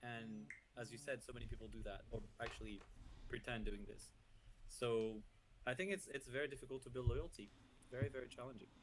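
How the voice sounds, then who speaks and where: A man's voice: mid-range voice, steady tone, a little fast, low-quality recording. Man explaining news, faint noise behind. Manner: opinionated explaining with frequent word repeats. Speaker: podcast co-host. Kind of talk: casual industry news discussion.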